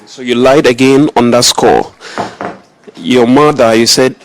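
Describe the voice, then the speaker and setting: A man's voice: medium pitch, a little slow, slight background noise. A man working as a news reporter, insistently grilling a suspect in a confrontational interview. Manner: pointed, insistent questioning.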